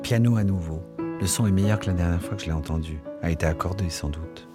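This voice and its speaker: A man narrating a literary text as an audiobook, measured and expressive. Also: low-pitched, loud music behind the voice. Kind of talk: literary reading.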